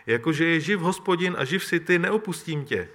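A man reading the lines of Elisha, a devoted and stubborn young disciple, in soft, hushed replies. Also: fairly high pitch, lively intonation.

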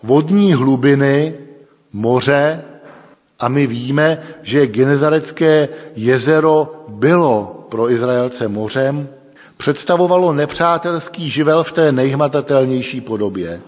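A man preaching a sermon in a church, with a measured, deliberate delivery and emphatic pauses. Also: mid-range voice, darkish tone. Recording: long reverb, dull lo-fi sound.

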